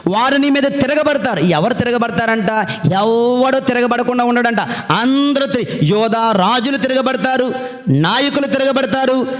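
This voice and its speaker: High-voiced priest preaching in an echoey hall. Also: male voice, a little slow. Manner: emphatic, poses rhetorical questions and answers them. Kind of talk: sermon. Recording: echoey church hall reverb.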